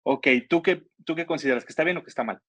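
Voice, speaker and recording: A man's voice: on the high side, fast talker, a bit bright, husky, no room sound. A man teaching an online writing workshop, patiently explaining grammar step by step and asking his students questions. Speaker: workshop instructor.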